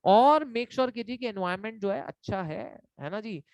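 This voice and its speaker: Teaching a live online exam-prep lecture as a quiz, a man mixes Hindi and English while playfully teasing and repeating each point. His voice is high-pitched and expressive, at a moderate pace with a darkish tone. The recording is dry and lo-fi.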